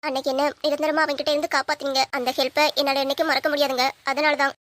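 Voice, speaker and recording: A woman's voice: high-pitched, little pitch movement, racing, fairly bright tone, no room sound. Woman voicing a tearful, fiercely loyal young sister. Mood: pleading. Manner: earnest, pleading, reproachful. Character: young woman fiercely defending her brother. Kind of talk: amateur audio drama.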